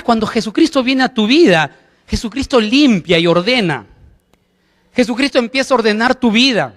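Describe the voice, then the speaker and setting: A man's voice: high-pitched, a bit bright, in a large hall. A man preaching a sermon as pastor, emphatic, putting questions to the congregation.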